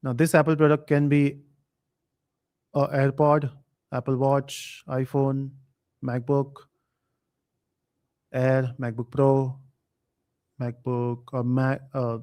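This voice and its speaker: A man hosting a live online quiz, reading chat comments aloud and thinking out loud with fillers. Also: mid-range voice, level tone, takes it slowly, pauses often. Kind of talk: casual live stream chat.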